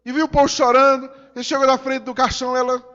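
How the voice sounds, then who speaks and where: High-voiced Brazilian pastor preaching. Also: male voice, level tone, quick pace, sharp tone. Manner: emphatic, repetitive, addresses the congregation directly. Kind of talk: sermon. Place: church hall with congregation. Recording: dull sound with long hall reverb.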